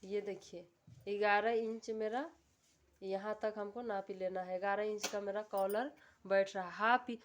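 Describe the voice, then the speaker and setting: Woman, tutorial host, medium pitch, steady instructional delivery, faint background hiss. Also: a little slow. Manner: calm, repetitive instructional voice-over. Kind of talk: step-by-step sewing instruction.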